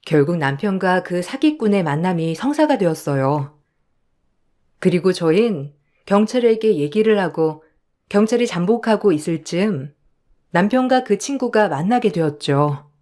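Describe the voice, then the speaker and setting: A woman narrating her own story as a wife in a radio drama, calm and indignant, sharp and scolding when she confronts the swindler. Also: on the low side, moderate pace.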